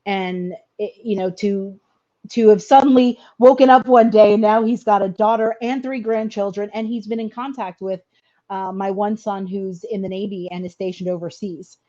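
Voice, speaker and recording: A woman's voice: medium pitch, steady tone, normal speed, mellow, lo-fi sound. A middle-aged woman telling a personal story in an interview, earnest and hesitant, often repeating words as she goes.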